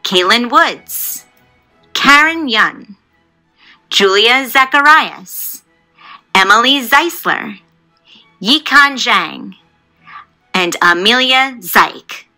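A woman's voice: on the high side, animated, pushed and bright, faint music behind, rough recording. A woman carefully reading a long list of honor society inductees' names. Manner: careful, deliberate name reading.

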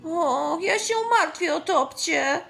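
A young boy who fumbles his words and worries about his sister, as a woman puts him on. The voice stays very high and lively but drawn out and slow. Soft music runs faintly behind. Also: vocal fry, heavily acted. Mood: concerned. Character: young boy, caring but awkward brother.

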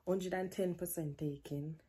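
In a husky, fairly low voice at normal speed, a Jamaican woman in her twenties does a laid-back, playful Q&A vlog indoors in her bedroom. She drifts into patois now and then, and the camera records her at close range.

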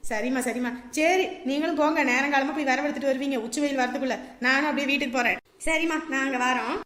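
A woman's voice: high-pitched, fairly even intonation, quick pace, fairly bright tone, roomy sound, in a large hall. A woman playing an outspoken elderly village grandmother in a comedy skit, scolding and protective with emphatic calls. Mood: chatty.

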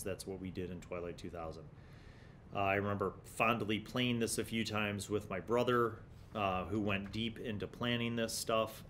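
Slight background noise sits under this man's fairly low, slightly bright voice as he hosts a tabletop gaming review. In his forties, he talks casually and explanatorily, reading magazine excerpts aloud. He's in a small indoor home studio, speaking into a large desktop condenser microphone.

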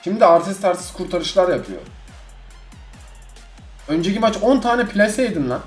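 A young man talks over his own football match, his voice swinging from sharp, high outbursts down to low, tired grumbling. His voice sits a bit high and moves a lot. The room sounds echoey, with faint game music running underneath. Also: sing-song, moderate pace. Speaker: gaming streamer. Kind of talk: live gameplay commentary.

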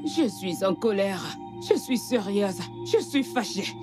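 Woman doing boastful angry gang queen mom, slow delivery, music under it. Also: mid-range voice, expressive. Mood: wrathful. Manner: boastful, wrathful. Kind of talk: dubbed film dialogue. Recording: film score underneath.

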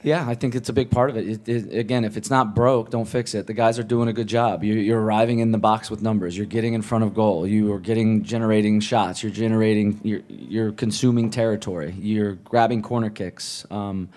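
A man, a head coach, answering post-match press questions in a measured way, often repeating words as he thinks, speaking into a table mic in a press room. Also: on the low side, steady tone, a little mellow. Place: press room with a sponsor backdrop. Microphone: table mic on a stand.

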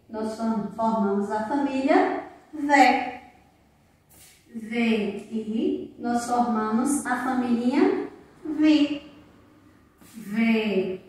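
A Brazilian woman teaching a recorded lesson to small children, speaking in a sing-song, drawn-out way with affectionate diminutives and frequent tag questions. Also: on the high side. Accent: Brazilian Portuguese. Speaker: preschool teacher. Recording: distant mic in a very echoey room.

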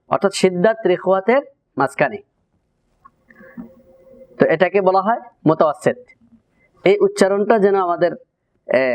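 A man teaching Quran recitation, giving a pronunciation lesson and drawing out syllables in slow repeated drills. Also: high-pitched. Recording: slightly dull lo-fi recording.

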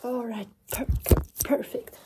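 A young woman doing a fast whispered role-play for ASMR, repeating words rapidly in a whisper close to the camera. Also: fairly high pitch, steady tone. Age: young adult. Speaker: ASMR performer. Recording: loud handling noise and clicks.

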